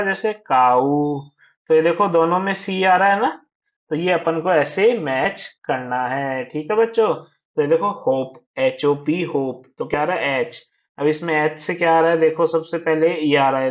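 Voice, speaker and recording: A man teaching young children, slowly drawing out and repeating words for them to copy. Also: on the high side. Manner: slow drawn-out repetition of words for children. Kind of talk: children's lesson. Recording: dull lo-fi sound.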